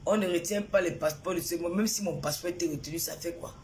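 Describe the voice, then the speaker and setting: A woman's voice: on the low side, fast, a little mellow, slight background noise. A woman from Cameroon, talking on a phone live stream to her followers, greeting viewers by name and firing off indignant rhetorical questions. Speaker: social media personality.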